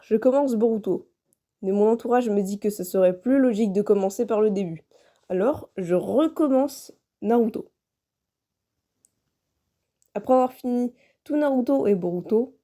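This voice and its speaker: Young woman narrating, very soft dark tone. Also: a little high, moderate pace. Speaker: video creator narrating. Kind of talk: personal scripted narration.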